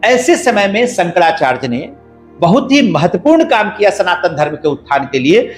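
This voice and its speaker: A man with a high, animated voice explains things step by step, like a lecturer stacking up points. He sounds unhurried and measured. The room is echoey, and a faint bed of music plays underneath. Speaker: guest scholar. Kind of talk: explanatory podcast talk. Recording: roomy echo, faint background music.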